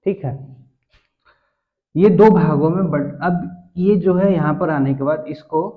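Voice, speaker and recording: Higher-pitched male teacher, tinny sound. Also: slow. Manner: asks quiz questions and answers them himself; mixes English science terms into Hindi. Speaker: biology teacher. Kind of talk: classroom lecture.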